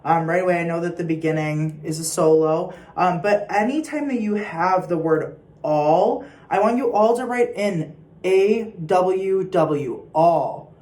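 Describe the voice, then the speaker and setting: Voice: medium pitch, measured pace, darkish tone. A young adult choir teacher giving patient rehearsal instructions and singing short example phrases. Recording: echoey room.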